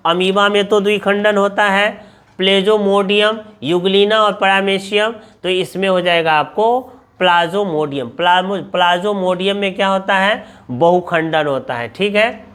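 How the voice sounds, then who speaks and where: A man's voice: high voice, fairly bright tone. A male coaching teacher going through objective exam questions, asking each question aloud and answering it himself, repeating every answer for drilling. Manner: asks questions then answers them himself. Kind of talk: exam question walkthrough lesson.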